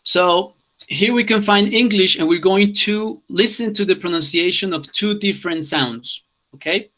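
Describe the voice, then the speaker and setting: A man's voice: high voice, unhurried, bright, forceful tone. A man from Colombia teaching an online English class, switching languages and repeating instructions.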